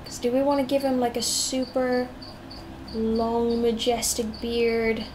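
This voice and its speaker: A young South African digital artist with a fairly high voice speaks slowly as she draws on a live stream, her accent a mix of British and American-tinged English. She thinks aloud in a chatty, wandering way, humming to herself. The recording has steady noise, with crickets behind.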